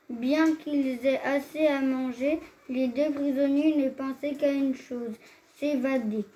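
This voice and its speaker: A woman tells an old myth aloud, reading in a measured yet expressive manner. Her voice is high and mellow, with a faint hum of ambience underneath. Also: poor audio. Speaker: storyteller.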